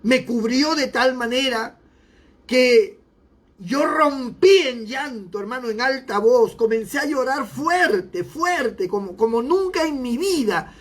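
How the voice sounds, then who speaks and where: A man's voice: very high-pitched, lively intonation, slow. A pastor telling his conversion testimony in an emotional, repetitive way. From Peru. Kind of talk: sermon testimony.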